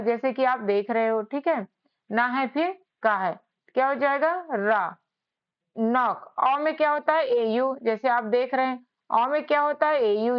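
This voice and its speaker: In a patient whiteboard lesson on spelling, a woman with a slightly high, clean-toned voice goes over each point again and turns questions back to her students. The recording sounds dull.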